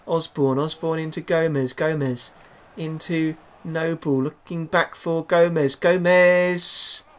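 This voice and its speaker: A man commentating over his own football video game, calm and low between plays and bursting into loud excitement at goals. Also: unhurried. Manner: excitable, shouts goals then drops to a low murmur. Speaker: gaming YouTuber.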